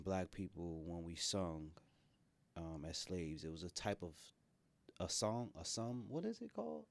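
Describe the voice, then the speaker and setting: Rambling lower-voiced male podcast host. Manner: rambling, animated, laughs often. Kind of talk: casual interview chat.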